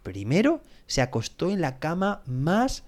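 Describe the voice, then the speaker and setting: A man narrating a children's bedtime story as a podcast host. His reading is expressive and animated, with a voice on the higher side that swoops up and down freely. He sounds like a practiced storyteller. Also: unhurried.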